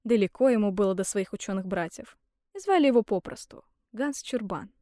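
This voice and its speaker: A woman reading a fairy tale aloud in a lively, theatrical storytelling manner. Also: mid-range voice, brisk, no echo, clean studio sound. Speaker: storybook reader.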